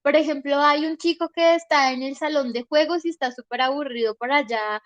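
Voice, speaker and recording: Woman teacher, high-pitched, dry close sound, patient explaining. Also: a bit bright, no echo. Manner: patient, checks in often with "¿sí?" and "¿listo?". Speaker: English teacher. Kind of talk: online class explanation.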